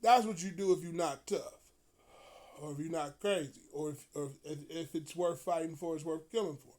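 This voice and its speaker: A man telling a profane story in a casual, animated way, often breaking into laughter. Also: a little high, moderate pace.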